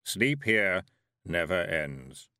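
The figure of Death as a storybook reaper, calm and politely formal, speaking with a slow, weighty, full delivery, as a male narrator puts him on. The tone sits low and steady, and the recording is dry and close. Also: smooth, dry recording, exaggerated voice. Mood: grave.

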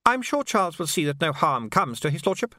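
A man voicing a poised, scheming older woman who is a society hostess, speaking smoothly and graciously. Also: on the high side, big pitch swings, brisk, no echo, studio quality, voice pushed up. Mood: gracious, sly. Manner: smooth, gracious, quietly commanding.

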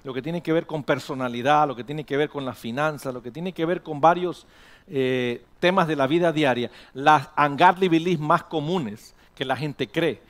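A male pastor preaching a sermon to his congregation in an animated way, dropping in English words now and then. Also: fairly high pitch, moderate pace. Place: church sanctuary with congregation.

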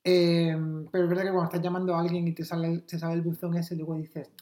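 Joking woman with a lowish voice. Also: fast talker. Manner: joking, self-deprecating, animated. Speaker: podcast co-host. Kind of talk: casual chat. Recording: roomy echo.

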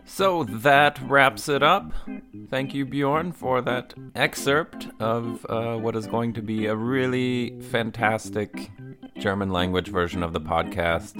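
Relaxed male podcast host. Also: medium pitch, slow. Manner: relaxed, with fillers. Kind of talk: casual sign-off. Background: guitar music.

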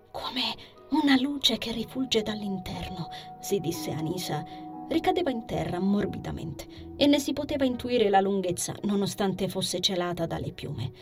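Expressive woman narrating a fantasy story. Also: medium pitch. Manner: expressive reading that drops into soft whispers. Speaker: audiobook narrator. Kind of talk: scripted narration of a fantasy novel.

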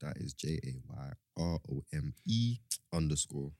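Deep-voiced young man, dry sound. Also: lively intonation, measured pace, warm tone, dry recording. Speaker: podcast co-host. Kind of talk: casual chat, short interjections.

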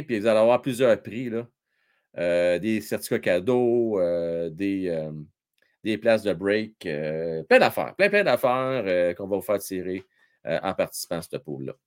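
A man with a Quebec French accent hosting a casual live hockey stream, joking and reading viewers' comments aloud. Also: lowish voice. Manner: chatty, jokey, reads viewer comments aloud, many fillers.

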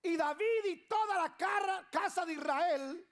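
A woman preaching a passionate sermon, calling out to the congregation and breaking into shouts. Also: extremely high pitch, measured pace. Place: church sanctuary.

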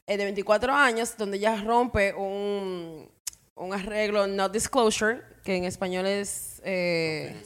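A woman with a Dominican accent co-hosts a podcast in a medium-pitched voice. She tells stories conversationally, with plenty of street slang. English phrases slip into her Spanish. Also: slow pace. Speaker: podcast co-host. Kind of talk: casual conversational storytelling.

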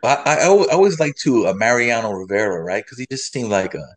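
A man's voice: medium pitch, big pitch swings, quick pace. A man in his forties, a podcast guest telling rambling stories in casual chat, full of fillers. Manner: rambling storytelling with many fillers.

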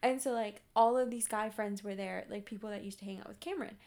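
A young woman vlogger telling a story in casual chat, animated, with lots of fillers and swearing. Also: medium pitch, fast talker, creaky.

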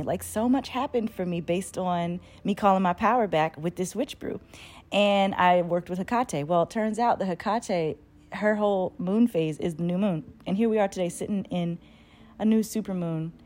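A woman's voice: mid-range voice, moderate pace, darkish tone. A woman chatting casually and candidly to her followers in a rambling, slangy way with plenty of swearing. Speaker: solo vlogger and podcaster.

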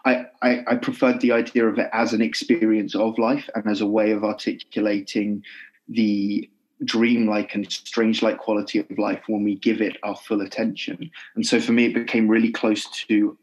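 A male poet in a podcast interview, speaking in a thoughtful, halting way with many restarts and fillers. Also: fairly low pitch, little pitch movement, lo-fi sound. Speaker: poet guest.

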